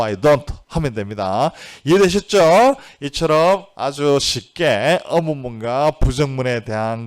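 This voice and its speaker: A male grammar teacher giving a video lecture. His pitch swings widely as he explains, with frequent checks for agreement. He reads the English example sentences out slowly and deliberately. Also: a little mellow.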